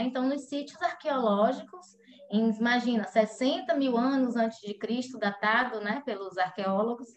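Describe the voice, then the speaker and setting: Chatty woman presenting online. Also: on the high side. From Salvador, Brazil. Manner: explanatory, many fillers and restarts. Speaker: physiotherapist presenter.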